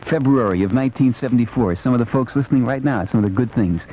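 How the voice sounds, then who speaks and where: Fast-talking and mid-range, this American DJ rambles playfully and casually through a late-night 1970s music program in a radio studio. It comes from a dull, noisy 1970s AM aircheck.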